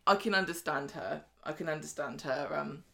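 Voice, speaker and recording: A woman's voice: low-pitched, creaky, bright, forceful tone. A woman co-hosting a podcast, chatting casually about a soap opera and acting out the characters' lines. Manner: chatty, acts out characters' lines in quick voices. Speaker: podcast co-host. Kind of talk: casual chat recapping a soap.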